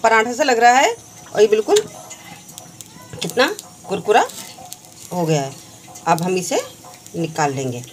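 A woman's voice: medium pitch, big pitch swings, measured pace, pauses often. Woman hosting a cooking channel, narrating a recipe from her home kitchen, friendly, step by step, faint hiss behind. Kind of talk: recipe voice-over.

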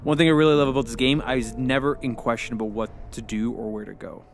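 A man's voice: mid-range voice, fairly even intonation, fast, faint music behind. A man chatting casually during a let's-play, guiding the player through a video game. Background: video game ambience.

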